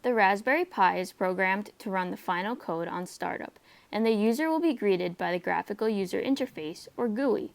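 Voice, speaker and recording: A woman's voice: mid-range voice, animated, normal speed, vocal fry. A young adult woman reading a step-by-step technical script as a student presenter.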